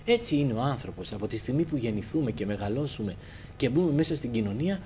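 A man preaching a sermon with passion, swinging between loud cries and soft, low asides. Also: animated. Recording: muffled recording with faint hiss.

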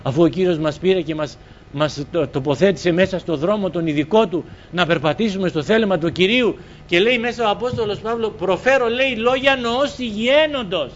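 A man from Greece preaching a sermon, earnestly retelling conversations and pausing on fillers. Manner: earnest, retells conversations with many quoted exchanges and hesitant fillers. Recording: dull muffled recording with faint rumble.

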